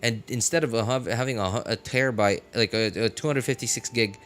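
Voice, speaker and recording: Speaking fairly quickly in a mid-range, fairly bright voice, a man streams live in a loose, rambling chat. He argues his points conversationally, checking in often with short questions, and there's music behind him.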